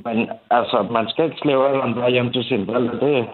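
A young man talking candidly in an interview, halting, swearing and restarting his sentences often. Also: mid-range voice, fairly even intonation. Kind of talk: candid interview about family conflict. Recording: tinny phone-like sound.

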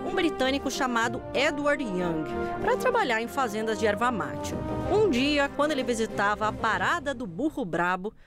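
A woman narrates a documentary segment in a bright, higher voice whose pitch leaps around. Her delivery is scripted and lively, like a reporter telling a story. Music plays clearly behind her. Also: normal speed, few pauses.

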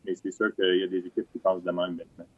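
Low-voiced remote guest on a dull line. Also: male voice, little pitch movement, darkish tone, no echo. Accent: French with a non-Québécois lilt. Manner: halting, repeats words. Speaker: hockey analyst guest. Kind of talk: remote interview.

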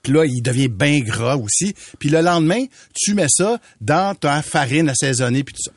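Homme à l'accent québécois, récit rigolo, voix assez aiguë, studio. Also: male voice, on the high side, normal speed, dry recording. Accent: Quebec French. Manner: animated, laughs while telling stories. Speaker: radio show host. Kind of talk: casual storytelling chat.

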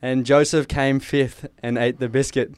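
Young Australian man, podcast co-host, smooth clear voice, dry close sound, tells crude jokes. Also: mid-range voice, level tone, a little slow, dry recording. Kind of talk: casual comedy chat.

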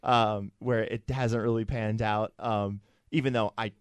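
A man's voice: fairly low pitch, steady tone, a little slow, clear, resonant tone, no echo. Young guy co-hosting sports chat, ums everywhere, dry mic. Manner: rambling, lots of fillers and restarts. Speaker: sports show co-host. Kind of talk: casual sports talk.

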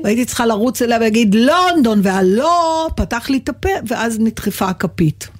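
A middle-aged woman from Israel co-hosting a radio show, chatting casually and telling lively stories with frequent laughter. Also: a little high. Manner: lively, storytelling, laughs often. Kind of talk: casual chat.

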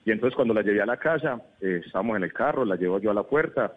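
A man in his thirties with a Medellín accent, an animated comedian telling stories and laughing often as a guest. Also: on the low side, fast talker, husky, narrow, tinny audio. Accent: Medellín Spanish. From Colombia. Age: 30s. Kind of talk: casual interview chat.

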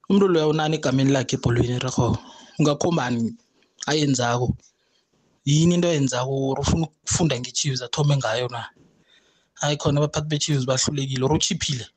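A man with a South African accent giving a blunt sports opinion as a radio caller, firing off rhetorical questions. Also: mid-range voice. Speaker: radio call-in listener. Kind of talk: casual sports opinion on a phone-in.

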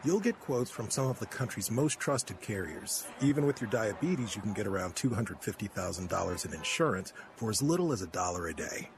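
Animated male ad announcer. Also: fairly low pitch, brisk, few pauses, slight background noise. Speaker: commercial announcer. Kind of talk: scripted insurance ad pitch.

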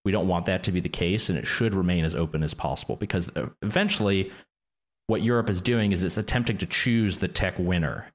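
Male podcast guest, low voice, measured and explanatory, non-native speaker, policy talk. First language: not English, speaks three languages. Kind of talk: policy discussion.

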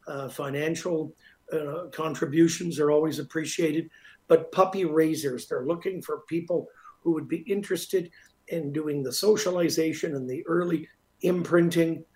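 A man's voice: on the high side, fairly even intonation, moderate pace, darkish tone. A Canadian man hosting live radio talk and making announcements, repeating details for emphasis. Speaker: radio talk show host.

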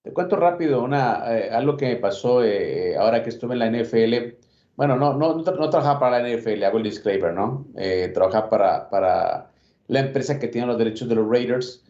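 A man's voice: medium pitch, expressive, a little fast, mellow, roomy sound, dull audio. A man telling a work story on a casual sports podcast, full of fillers and restarts.

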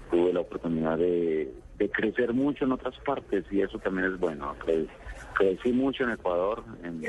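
A middle-aged football coach from Colombia giving a phone interview on sports radio, halting and reflective, with many pauses and fillers. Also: male voice, low-pitched, a little mellow, slight background noise, low-quality recording.

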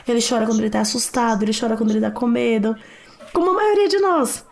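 A Brazilian woman guest with a slightly high voice explains things in a reflective, conversational way. She laughs easily and talks with warmth about everyday family life. Her Brazilian Portuguese accent is clear throughout. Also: fast. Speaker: guest expert, writer and psychoanalyst.

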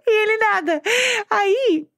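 A Brazilian woman with a Brazilian Portuguese accent, telling a story in an animated casual chat with frequent laughter, over a video call. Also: very high voice, slow, creaky, dry recording, studio quality. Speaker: podcast co-host.

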